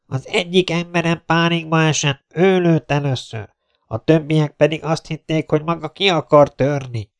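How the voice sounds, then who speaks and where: A man voicing a stern male police captain who gives orders through a loudspeaker. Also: on the high side, vocal fry, clear, resonant tone, voice pushed up. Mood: commanding. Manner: commanding, demanding.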